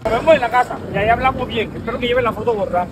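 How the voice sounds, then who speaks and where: A man's voice: very high-pitched, very fast, a crowd in the background, noisy background. A young man arguing insistently on a sunny street outdoors, scolding and repeating his demands. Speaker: vlogger husband. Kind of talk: staged street argument. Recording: loud music underneath.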